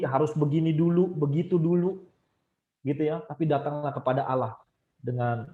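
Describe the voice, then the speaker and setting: A man giving a casual, emphatic Bible study lecture online, his voice jumping high to stress points. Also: reverberant, phone-quality sound.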